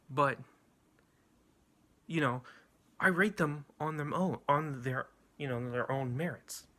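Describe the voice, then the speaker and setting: A man's voice: fairly high pitch, takes it slowly, long pauses, pushed and bright. A young man rambling bluntly and profanely through an anime ranking, with many restarts and fillers. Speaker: anime reviewer. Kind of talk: casual ranking rant.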